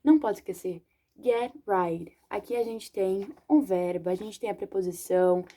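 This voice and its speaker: A young woman giving a casual video lesson on English, chatty and slangy, correcting herself and reading example sentences slowly. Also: medium pitch, dark tone. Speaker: English teacher.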